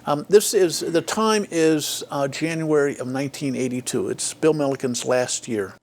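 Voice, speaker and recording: Older man with a gravelly, fairly high voice. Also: normal speed, a little mellow. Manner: frequent fillers and restarts, acts out quoted dialogue. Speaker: interview guest, former state official. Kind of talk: reflective storytelling interview.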